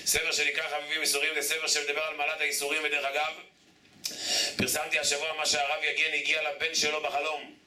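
A man's voice: a little high, monotone, bright, forceful tone. A man preaching a sermon as a rabbi, firing repeated rhetorical questions at his congregation. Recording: echoey room, distant mic, background noise.

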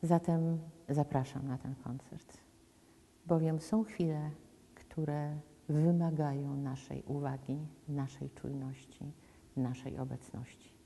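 An older woman presenting a concert, speaking in slow, deliberate, emphatic phrases as she invites listeners, filmed indoors facing the camera. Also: deep voice, steady tone, vocal fry, warm tone, in a large hall, slight background noise. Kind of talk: measured spoken invitation to a concert. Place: indoors, room with framed portraits on the wall. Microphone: camera in front, head and shoulders framing.

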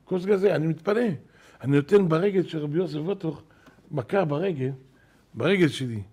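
An older man, a rabbi, telling wonder stories in a sermon at a synagogue, animated, acting out what people said. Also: a little high, slightly rough. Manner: animated storyteller, acting out quoted shouts. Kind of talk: storytelling sermon.

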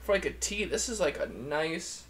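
A man with a campy, chatty drag queen manner, giving a casual, gushing video review in a creaky voice. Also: on the high side, lively intonation, moderate pace, a bit bright. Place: indoor room, seated at a desk.

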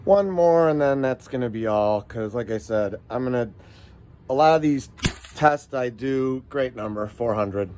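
Middle-aged shop owner, slow easygoing drawl, folksy rambling demo talk. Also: male voice, mid-range voice, a little mellow. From United States. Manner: rambling, folksy, talks to viewers as guys. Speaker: shop owner demoing airguns. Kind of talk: casual product demo vlog.

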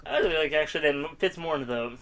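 A man's voice: fairly high pitch, fast, a bit bright. A young man casually chatting as he plays a story game, rambling and self-mocking, often laughing at himself. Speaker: gaming YouTuber. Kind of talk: casual let's-play commentary.

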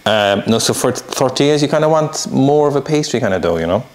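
An Irish man in his thirties demonstrates how to make dumplings in his home kitchen, chatting casually in a laid-back, dry manner. His mid-range voice is animated and he talks fast. A camera a few feet away records him, with a little hiss or hum in the audio.

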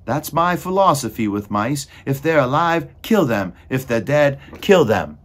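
A man voicing a bossy, mouse-hating female cook in a storybook, barking scolding orders in a husky shout. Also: sits low, wildly swooping pitch, slow, heavily acted. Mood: angry, commanding.

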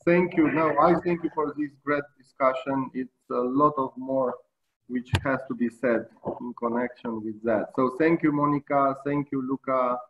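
A middle-aged man moderating and politely closing a panel on a video call, slightly halting. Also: mid-range voice, steady tone, slight background noise. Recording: tinny phone-like line.

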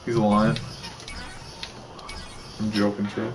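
A young man streaming a video game, chatting casually and excitably with a friend, teasing and full of slang. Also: fairly low pitch, takes it slowly. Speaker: gaming streamer. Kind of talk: casual gaming chat. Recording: distant voice with clear background noise.

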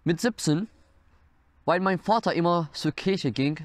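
Framed mid-shot by a front-facing camera, a young Iranian man of nineteen sits by a dark wooden wall indoors and earnestly recounts his testimony in slightly non-native German; Persian is his native tongue. He speaks at a measured pace in a fairly high voice, with no room sound.

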